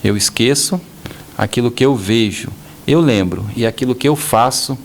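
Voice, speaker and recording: A man's voice: mid-range voice, moderate pace, a little hiss or hum. A man from Brazil, a business owner guest on an interview podcast, telling stories animatedly and acting out the voices of the people in them. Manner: animated storyteller, acts out quoted voices. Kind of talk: storytelling interview.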